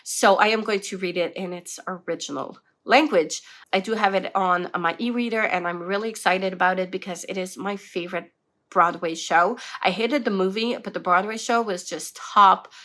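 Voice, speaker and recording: A young woman from French Canada, a native French speaker with a French Canadian accent, chats casually to camera as a book vlogger, rambling about her reading list with plenty of fillers. Her mid-range voice is a bit bright and moves at a moderate pace.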